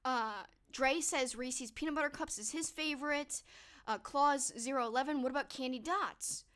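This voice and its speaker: Speaking at normal speed in a high, slightly bright voice, a young streamer chats with her live audience and answers their questions. She's upbeat and leans on "like" and "um," but she is losing her voice, which sounds tired and fading.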